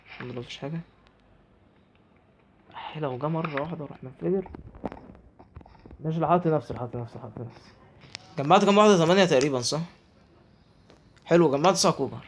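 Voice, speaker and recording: A man's voice: fairly high pitch, fast, long pauses, slight background noise. A man with an Egyptian Arabic accent giving chatty let's play commentary, talking to himself and his viewers as he plays. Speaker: gaming YouTuber.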